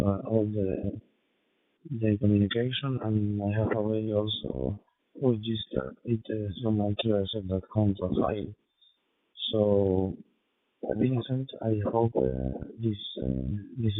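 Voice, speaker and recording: Man from Argentina, ham radio operator, heard over a thin, narrow shortwave link. Lowish voice, hesitant delivery, dry sound. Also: no room sound. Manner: halting, with many fillers and restarts. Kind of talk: ham radio contact, spelling call signs. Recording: tinny radio line, dry.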